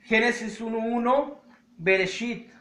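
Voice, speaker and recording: A Mexican man teaching a Bible study, emphatic and slowing down to stress key words. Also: very high-pitched, bright, forceful tone, distant mic. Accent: Mexican Spanish. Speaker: preacher. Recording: roomy echo, voice from off-mic.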